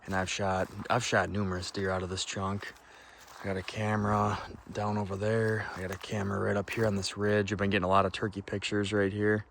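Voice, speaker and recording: A man vlogging casually outdoors in a pine forest beside his truck, excitable and often slipping into an eager whisper. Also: fairly low pitch, fairly quick, creaky. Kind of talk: casual camping vlog to camera. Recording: loud outdoor noise, clicks.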